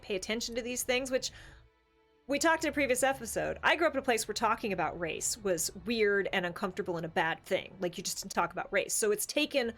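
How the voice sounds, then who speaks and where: Speaking at a medium pitch with a fairly bright tone, a woman co-hosting a podcast pushes her opinions with casual emphasis. The talk is an opinionated discussion with a relaxed, chatty feel.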